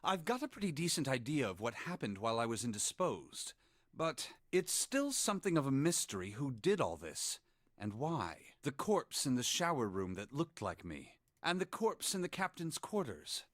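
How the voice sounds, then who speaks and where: A man voicing a composed, polite blind gentleman in a video game, speaking in a formal, precise way. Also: mid-range voice, very animated, moderate pace, no echo, studio quality. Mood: calm.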